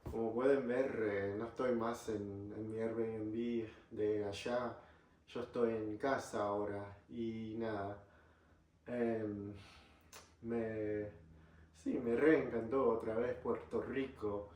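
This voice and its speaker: A man with an Argentine Spanish accent chatting casually in a vlog at home, slow and hesitant with many fillers. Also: fairly low pitch, level tone, darkish tone. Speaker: vlogger. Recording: roomy, a bit distant from mic.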